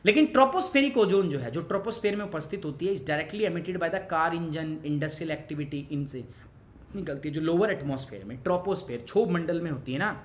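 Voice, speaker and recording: The recording is reverberant, and the young male teacher's voice is high-pitched. Running an online exam-prep class, he switches between Hindi and English, pushes students with motivational remarks, and keeps asking the class questions in a chatty way.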